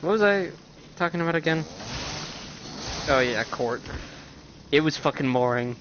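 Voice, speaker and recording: A man's voice: a little high, animated, normal speed. A young man streaming a game, rambling casually with plenty of swearing and self-interruptions. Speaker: gaming streamer. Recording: dull lo-fi mic with faint hiss.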